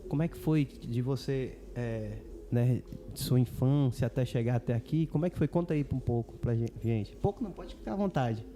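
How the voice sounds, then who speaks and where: Dark-voiced chatty podcast host. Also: male voice, medium pitch, normal speed, few pauses, a little hiss or hum. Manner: loose, chatty, slangy. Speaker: podcast host and voice-over artist. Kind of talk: casual podcast hosting.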